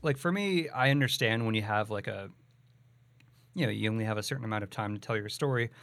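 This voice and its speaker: A man's voice: on the low side, quick pace, gravelly, a bit bright, dry recording. Man thinking aloud, dry close sound. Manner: thinking aloud, lots of "like" and "you know". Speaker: podcast co-host. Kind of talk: casual movie discussion.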